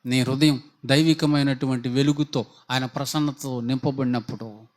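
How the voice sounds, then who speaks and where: A man's voice: medium pitch, fairly even intonation, moderate pace. A man preaching a sermon, pressing his listeners with rhetorical questions and fervent appeals. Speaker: pastor. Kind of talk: Telugu sermon.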